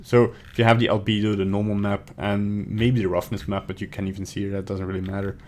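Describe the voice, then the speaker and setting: A young man from Belgium, speaking with a Belgian accent, livestreams a casual 3D tutorial and chats with viewers from his home desk, rambling and muttering as he thinks aloud. He speaks fast in a lowish, slightly mellow voice with a flat delivery. Faint keyboard typing and clicks come through.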